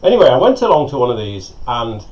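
A middle-aged pastor preaches a sermon, telling stories animatedly and gesturing with his hands as he talks fast at a medium pitch. He's recorded on a lapel mic on a covered outdoor porch by a lake, and the sound is slightly dull with faint outdoor ambience.

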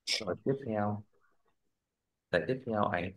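A male language teacher with a fairly low, slightly slow voice leads a classroom pronunciation drill, heard through poor audio. He models words, corrects students and keeps checking that they are following.

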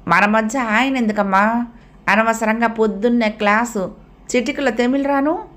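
A woman's voice: fairly high pitch, normal speed, a bit bright, lightly acted. A woman reading the lines of a lazy, petulant teenage son who complains about his breakfast. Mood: sleepy. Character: sulky teenage boy, lazy, grumbling.

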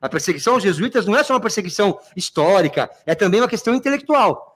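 Brazilian man, literature teacher, high voice, review lecture, checks understanding often. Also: expressive, racing. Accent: Brazilian Portuguese. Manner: keeps checking understanding, addresses students fondly.

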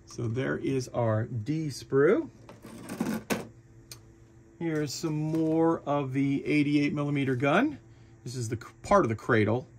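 A man casually talking through the parts of a model kit, chatty and relaxed, with frequent fillers and restarts. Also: fairly high pitch, slow, pauses often, slight background noise. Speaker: hobby shop owner reviewing a model kit. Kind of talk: casual product walkthrough.

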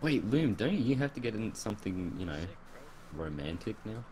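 A man's voice: on the low side, big pitch swings, moderate pace, a little mellow, rough recording. A man chatting casually in a virtual reality game, playful and hesitant with his words. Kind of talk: casual chat.

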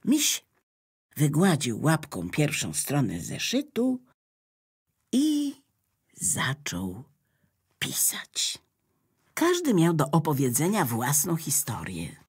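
Slow, expressive woman reading a children's story. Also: low voice, husky. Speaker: narrator.

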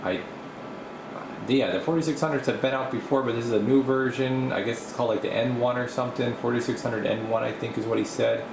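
Rambling and thinking aloud, a man tours his small home workshop on video, hosting from behind the camera as a radio repair technician in a casual, unscripted way. His medium-pitched voice is gravelly and brisk. Recorded on the camera mic, the room sounds roomy, with a steady air-conditioner-like hum.

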